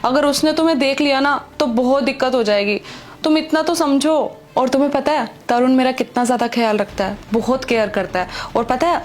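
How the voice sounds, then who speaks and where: A woman's voice: high-pitched, natural voice. A woman acting a pregnant married woman secretly in love with another man, pleading and defensive. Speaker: actor. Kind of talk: Hindi web skit acting.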